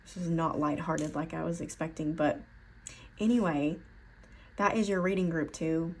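A woman's voice: low-pitched, fairly even intonation, moderate pace, slightly rough. A woman with an Appalachian accent giving a casual tarot card reading, rambling and correcting herself as she thinks aloud. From Appalachian foothills, USA. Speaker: tarot reader.

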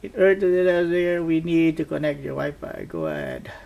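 A man casually narrating a product test as a reviewer, haltingly thinking aloud. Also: fairly high pitch, huge pitch swings, vocal fry, lo-fi sound. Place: indoors at a tabletop. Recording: faint background noise.

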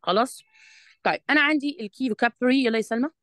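With no room sound behind her, a woman whose voice sits on the high side with a fairly bright tone teaches English to a single student in a revision lesson. Her accent is Egyptian Arabic; she reads sentences deliberately and slowly, explaining patiently and often asking if she's understood.

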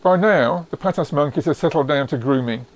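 A man giving scripted nature documentary narration in a measured, descriptive storytelling way. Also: a little high, background noise. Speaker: narrator of own wildlife travel film.

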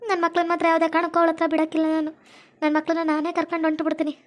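A woman's voice: extremely high pitch, completely flat delivery, racing. Woman doing a tender protective village mother. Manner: soothing, firm. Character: weary, tender first-wife mother, stubborn and protective.

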